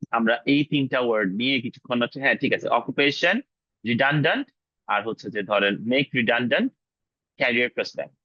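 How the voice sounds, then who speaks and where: A male English teacher running a class, drilling pronunciation and repeating words slowly while mixing English into his casual talk. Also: medium pitch, sharp tone, no echo, dull audio. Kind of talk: online class lesson.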